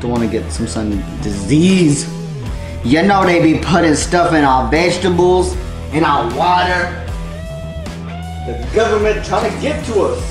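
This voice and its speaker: A man's voice: on the high side, animated, a little slow. A young man cooking in a home kitchen, chatting in a rambling, slangy and profane joking style. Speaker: cooking vlogger. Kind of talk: casual joking cooking vlog. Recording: echoey kitchen with music.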